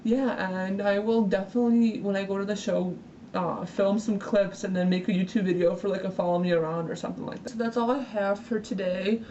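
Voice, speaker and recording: A woman in her twenties, a new YouTuber, chatting excitedly in a casual fan vlog and filling her talk with "like". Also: mid-range voice, a little fast. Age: 20s. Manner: gushing, excitable, filler-heavy ("like"). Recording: dull, distant audio with faint hiss.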